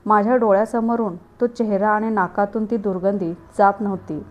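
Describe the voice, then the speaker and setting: A woman narrating a first-person story in a steady, earnest way. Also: medium pitch, normal speed, lo-fi sound.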